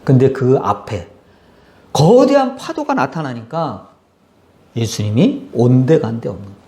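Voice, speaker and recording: Guy preaching a sermon, pitch jumping all over, swings loud to hushed, roomy church echo. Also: big pitch swings, a little slow. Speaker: pastor.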